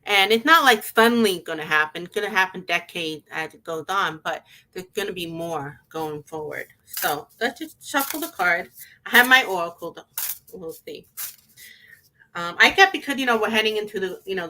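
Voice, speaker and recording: A woman hosts a casual livestream chat. Her voice is bright and forceful, sitting slightly low. She muses and rambles between thoughts. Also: poor audio. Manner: musing, rambling with fillers. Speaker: host of intuitive reading show.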